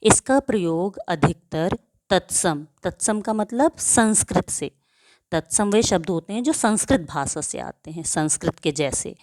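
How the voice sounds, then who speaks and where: Slow woman teacher, lowish voice, dry close sound, asks a question then answers it herself, drags out the example words. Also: expressive, a little mellow, no echo. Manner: drawls example words to show how they sound. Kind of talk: grade-school grammar lesson.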